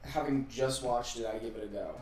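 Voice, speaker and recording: A man's voice: mid-range voice, brisk, a little mellow, soft background music. A man co-hosting a podcast, joking casually as he reviews a film. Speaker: podcast co-host reviewing films. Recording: very echoey, distant mic, clear noise.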